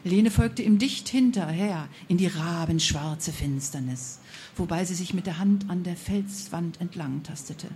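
A woman telling a fairy tale aloud, expressive, with a few slips and self-corrections. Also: fairly low pitch, a little slow, slight background noise. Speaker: storyteller.

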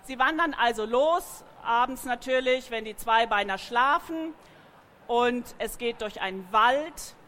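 A woman reading a children's animal story aloud in a lively way, adding sound effects. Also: fairly high pitch, unhurried, slight background noise.

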